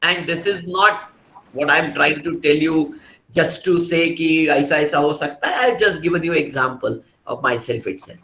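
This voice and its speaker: A man's voice: on the high side, fairly quick, pushed and bright. A man with an Indian accent giving a motivational career lecture in an emphatic way, repeating key words and slipping between English and Hindi. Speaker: guest lecturer. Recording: echoey room, faint background noise.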